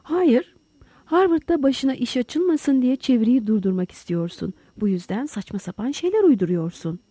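A woman's voice: a little high, lively intonation, normal speed, warm tone, slightly rough, no echo. A woman reading as an indignant male doctor. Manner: indignant, exclaiming. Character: agitated, proud middle-aged male doctor.

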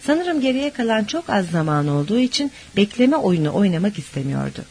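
A narrator reading a first-person memoir aloud in a measured, reflective way. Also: mid-range voice, sing-song, darkish tone, a little hiss or hum. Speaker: audiobook narrator.

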